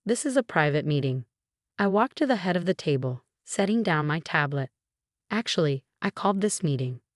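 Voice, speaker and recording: A woman narrating a first-person revenge story in a calm, even delivery. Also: low-pitched, moderate pace, no echo, studio quality.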